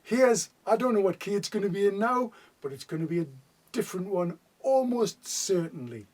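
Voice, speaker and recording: A man's voice: high-pitched, expressive, moderate pace, darkish tone, slight background noise. A man doing comic patter between songs, with rambling, self-deprecating asides. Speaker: comedy singer-songwriter. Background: acoustic guitar.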